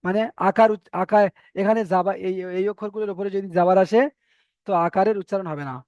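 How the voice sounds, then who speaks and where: A man's voice: high-pitched, fairly even intonation, quick pace, darkish tone, no room sound, muffled recording. A man teaching Arabic letter pronunciation in an online lesson, patiently drilling and correcting students. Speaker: Quran reading teacher.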